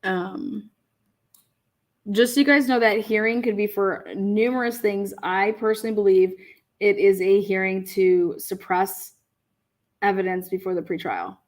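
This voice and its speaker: A woman's voice: medium pitch, fairly even intonation, measured pace. A woman co-hosting a casual livestream, reading viewer comments aloud, laughing often and swearing casually. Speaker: livestream co-host.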